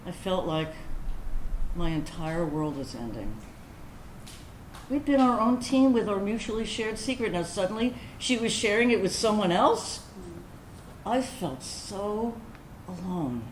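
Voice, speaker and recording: In a mid-range voice and with light acting, an actress portrays a candid woman veteran in a staged reading's first-person monologue. She sounds hurt and subdued, though still animated, telling her story in a wry, confessional, conversational way with deliberate pauses. Echo and background noise fill the stage recording.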